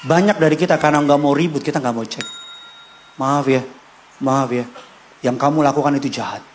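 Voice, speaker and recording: A male pastor, preaching an animated sermon that swings between loud bursts and quiet asides. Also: fairly quick, a little hiss or hum. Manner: animated, shifts pitch and loudness, acts out quotes with shouts. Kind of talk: lively sermon. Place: church.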